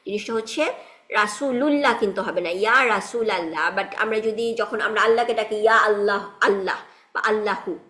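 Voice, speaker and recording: Bright-voiced woman teaching grammar. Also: medium pitch, a little fast. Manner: explains grammar step by step, asking students questions; mixes English words into her talk. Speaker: Arabic teacher. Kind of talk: live online class.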